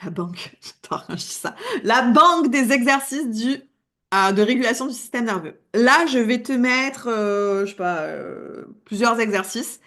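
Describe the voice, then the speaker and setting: A woman with an accent in French, a coach giving a casual, lively video lesson and laughing at herself as she talks. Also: fairly high pitch, a little slow. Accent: non-standard French accent. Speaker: wellness coach.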